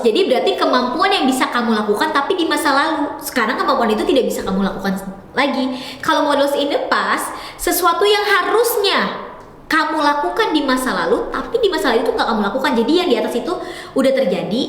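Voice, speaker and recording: Fast-talking high-voiced woman teacher, very echoey room. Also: lively intonation, a bit bright. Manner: fast-talking, mixes Indonesian with English; calls viewers "sayang" affectionately. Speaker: English teacher. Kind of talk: live-streamed grammar lesson.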